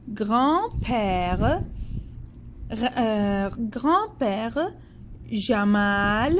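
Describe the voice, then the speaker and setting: A woman reads a children's story in French at a very slow, careful pace, stopping to spell letters and point out silent endings. Her voice sits a bit high and swings widely in pitch. Faint ambient noise sits behind her. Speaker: teacher. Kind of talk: slow read-aloud French lesson for children, with English glosses.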